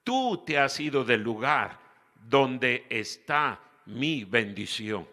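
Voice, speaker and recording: A man voicing God as a calm, fatherly figure who gently corrects. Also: mid-range voice, takes it slowly, big-room sound, exaggerated voice. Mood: gently reproachful.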